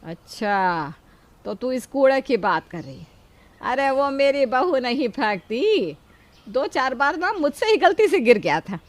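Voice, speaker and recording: A woman voicing a protective, soft-hearted older mother-in-law in a cartoon, scolding gently and coaxing. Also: high voice, very animated, a little slow. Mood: fond. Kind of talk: cartoon voice acting.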